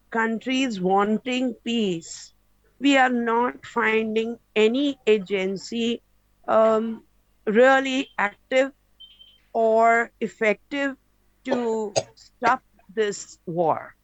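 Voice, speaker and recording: A woman asking a question in a webinar, earnest and measured, stretching her key words. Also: on the high side, no room sound. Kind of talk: question in an online Q&A. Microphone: video call. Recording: dull lo-fi call audio.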